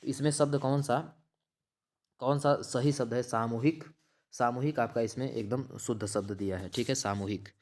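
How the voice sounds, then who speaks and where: A man's voice: medium pitch, steady tone, moderate pace, darkish tone. A man teaching exam-prep material, running through multiple-choice answers, repeating key terms and checking in with the listener, often restarting and correcting himself mid-word. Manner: repetitive, checks in with "theek hai". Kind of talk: explaining quiz answers.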